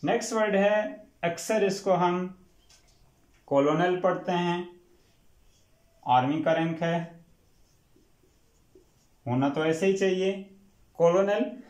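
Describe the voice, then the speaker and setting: A man's voice: high-pitched, slow, pauses often, a little mellow. A man with a Pakistani accent, a native Urdu speaker, teaching English pronunciation and repeating each word several times for his students. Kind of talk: classroom-style pronunciation lesson. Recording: echoey room.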